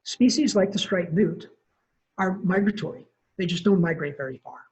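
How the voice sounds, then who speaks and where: A man's voice: high voice, normal speed, a little mellow. A man, a wildlife ecology professor, giving a casual lecture full of ums and self-corrections. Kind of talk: conversational lecture. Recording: muffled lo-fi webinar audio.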